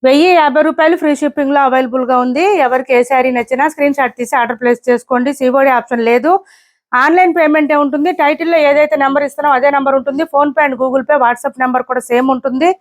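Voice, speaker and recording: A woman showcases sarees in an online sales video. Her voice sits high and she talks quickly, rattling off details and repeating each price. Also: fairly even intonation. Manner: brisk, repetitive price callouts. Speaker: saree seller.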